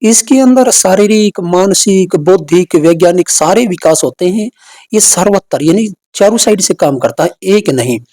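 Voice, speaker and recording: A man who teaches a meditation and yoga course, answering interview questions in a calm, measured, lecturing way. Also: sits high, dry recording.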